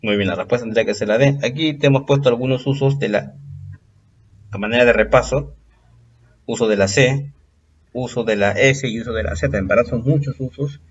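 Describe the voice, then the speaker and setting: A man teaching a recorded exam-prep lesson, patiently explaining step by step and drawing out example words slowly. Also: mid-range voice, breathy edge, dull audio.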